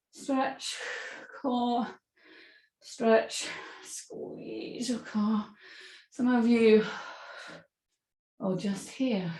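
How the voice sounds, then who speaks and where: A woman yoga instructor guiding a movement class with gentle, encouraging cues. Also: a little high. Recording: echoey room.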